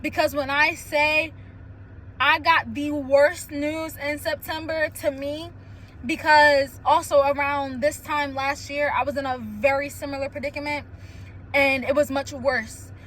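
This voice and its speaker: A young woman hosting a casual solo chat, telling stories candidly with lots of "like" and quick laughs. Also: sits high, a little hiss or hum, rough recording. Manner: candid, animated storytelling with frequent "like" and laughs. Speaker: podcast host.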